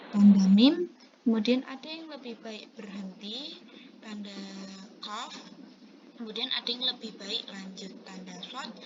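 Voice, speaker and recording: A woman teacher giving a recorded tajwid lesson, explaining step by step and reciting verses slowly. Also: a little high. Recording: dull lo-fi recording with background noise.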